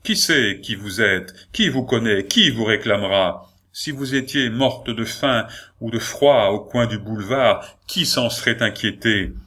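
A man reading aloud voices a cold, domineering nobleman who speaks in a booming, contemptuous tone. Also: unhurried, pushed and bright. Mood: threatening.

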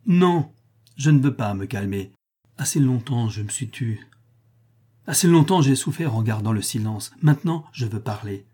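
A man's voice: medium pitch, lively intonation, moderate pace, warm tone, slightly rough. A man voicing a proud, grieving empress who speaks resolutely in a raised, indignant voice.

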